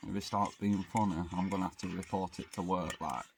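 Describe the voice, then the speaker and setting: A young man living in a van rambles through a casual vlog chat, swearing freely and cracking jokes at his own expense. He talks fairly quickly in a low, fairly even voice with vocal fry, over a noisy background.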